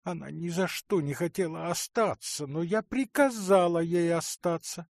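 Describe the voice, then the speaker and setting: A man's voice: fairly high pitch, moderate pace, creaky, no echo, voice pushed up. A man voicing a sentimental, theatrical middle-aged noblewoman who pleads tearfully, in an audiobook reading with a dry sound. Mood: pleading.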